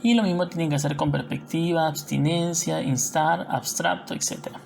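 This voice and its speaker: A woman's voice: low voice, normal speed, creaky, darkish tone, slight background noise. A woman teacher with a Peruvian Spanish accent explains a lesson patiently, often checking in with tag questions. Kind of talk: recorded classroom lesson.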